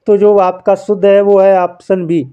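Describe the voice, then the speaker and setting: A man's voice: sits high, level tone, moderate pace, smooth, narrow, tinny audio. A man teaching a Hindi spelling lesson, explaining each answer patiently and answering his own questions as he writes by hand. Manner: explains patiently, keeps calling listeners friends; asks questions and answers them himself.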